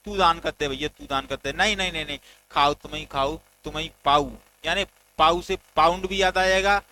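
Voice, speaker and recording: A man's voice: on the high side, moderate pace, bright, forceful tone, a little hiss or hum, rough recording. A man teaching a general knowledge lesson, telling playful stories and acting out little dialogues as memory tricks. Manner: playful storytelling with mnemonic jokes, acted dialogue.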